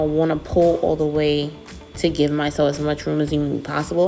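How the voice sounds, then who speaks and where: A woman in her thirties chats her way through a wig review in a casual, self-deprecating tone. Her voice sits low with a gravelly fry, and soft music plays faintly behind her. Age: 30s. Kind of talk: casual product review vlog.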